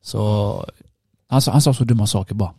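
A man's voice: fairly low pitch, vocal fry, a little mellow, breathy edge, no echo. Man, tired, casual chat, swears a lot, heated storytelling, dry sound. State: tired, worn out.

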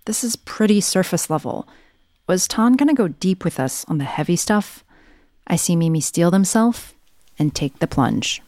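A woman's voice: fairly low pitch, expressive, moderate pace, darkish tone, dry recording, studio quality. A woman narrating a true story in a plain, conversational way. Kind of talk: scripted narration.

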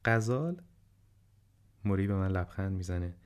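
Male audiobook narrator, lowish voice. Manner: steady, measured storytelling.

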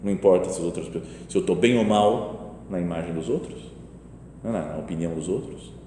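A man's voice: sits low, fairly quick, mellow, a little hiss or hum. A man preaching a spiritual meditation in a conversational way, with many rhetorical questions and short asides. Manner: acts out imagined voices in quotes. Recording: echoey hall with faint ambience.

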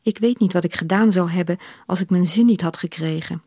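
A woman's voice: fairly low pitch, fairly quick, dark tone, breathy edge, dry recording. A woman reading aloud, voicing a frank young woman who speaks earnestly, recorded in a studio.

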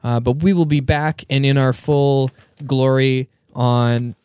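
A man hosting a casual podcast, joking and relaxed, with lots of filler words. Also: mid-range voice, slow, clear, resonant tone, no room sound, studio quality. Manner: joking, laid-back, uses filler words. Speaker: podcast host. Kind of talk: casual chat.

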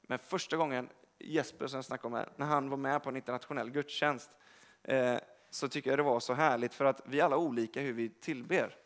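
A man's voice: mid-range voice, fairly even intonation, a bit bright. A young man giving a casual, rambling sermon in a church, speaking directly to the congregation and correcting himself as he goes. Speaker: preacher. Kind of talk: informal sermon. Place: church service hall.

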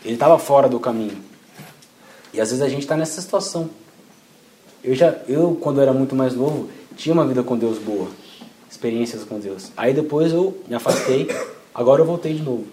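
A man's voice: mid-range voice, a little fast, warm tone. A young man giving an informal sermon, talking casually with slang and acting out quoted prayers. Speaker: preacher. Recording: echoey room, faint ambient noise.

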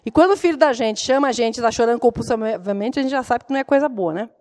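A middle-aged woman delivers an earnest sermon. She tells family stories with open emotion in a fairly high voice. Her tone stays heartfelt and direct. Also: quick pace, a little mellow. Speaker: preacher and mother.

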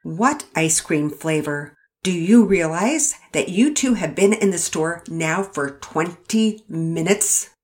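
A woman's voice: lowish voice, expressive, slow, hardly any pauses, darkish tone. A woman voicing a flustered mother scolding her children, sputtering and exasperated. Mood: upset scolding.

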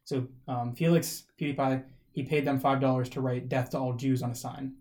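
Man, podcast co-host, casual rambling chat, mellow dark tone. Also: mid-range voice, flat delivery, normal speed. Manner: rambling, many fillers and restarts.

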